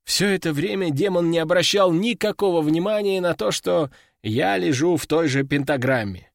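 A man narrating a first-person audiobook in a lively storytelling manner, close to the mic. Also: a little high, normal speed, creaky, no echo.

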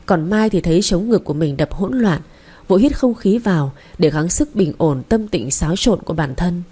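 Woman reading a romance audiobook, low warm voice, steady. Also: moderate pace, slightly rough. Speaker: narrator.

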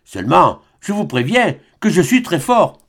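A man voicing a scornful old atheist of about eighty who talks roughly and mockingly. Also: sits high, very animated, moderate pace, a bit bright, full character voice.

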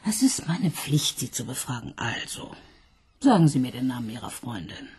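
Here the radio-play inspector has an extremely low, slightly rough, somewhat mellow voice, very animated and at normal speed. The actress plays the ironic detective heavily acted, coaxing, teasing, and mocking, with frequent drops into a whisper.

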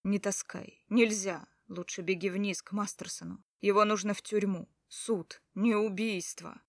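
A woman's voice: mid-range voice, steady tone, a little slow, no room sound, clean studio sound. A woman reading the lines of a dying young male elf who speaks faintly and struggles for breath. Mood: weak, breathless.

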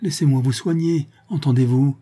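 Man doing a pleading young woman, raised pitch, urgent, husky storybook voice. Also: normal speed, warm tone, lightly acted. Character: young woman, anxious, pleading with a wounded maid.

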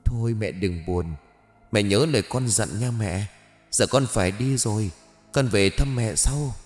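A man voicing the ghost of a murdered young woman, speaking quietly and sadly to her mother in a horror story. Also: fairly low pitch, unhurried, big-room sound, soft background music, natural voice. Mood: sad, hushed. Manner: quiet, subdued pleading. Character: grieving young woman's ghost, soft and cold.

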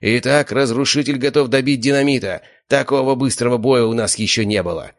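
Man doing a booming arena announcer. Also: fairly quick, dry recording, clean studio sound, lightly acted. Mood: bombastic. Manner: booming, showman shouting. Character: male fight-arena announcer, bombastic. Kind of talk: audiobook character voice.

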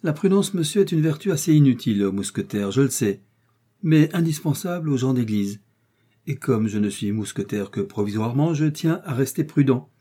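A man's voice: medium pitch, animated, normal speed, dark tone, breathy edge, voice pushed up. A man reading an audiobook, voicing a young male musketeer who speaks coldly and with precise irony. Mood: coolly mocking. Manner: cool, mocking, precise.

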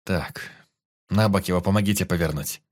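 A man voicing a brisk male squad leader who gives orders while tending a wounded comrade, in an audiobook. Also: low-pitched. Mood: commanding. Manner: commanding, fussy. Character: brisk male squad medic, takes charge.

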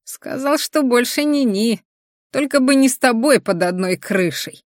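A woman's voice: on the high side, animated, a little slow, no echo, clean studio sound, pitched above the performer's own voice. A woman playing a frightened untidy old woman. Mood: sullen.

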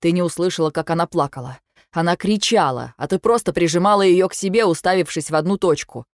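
A woman voicing a worried young husband who speaks softly, low and insistently. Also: fast, dry recording, studio quality, lightly acted. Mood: firm. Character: worried young husband, gentle but firm.

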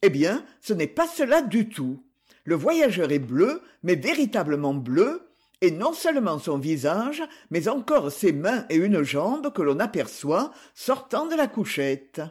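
A shaken witness, earnest and urgent, recounts a horror to the police, as a male reader voices him. His husky, high voice rises and falls in lively sweeps as he delivers the details of this audiobook scene. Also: measured pace, exaggerated voice. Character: shaken man reporting a grisly discovery.

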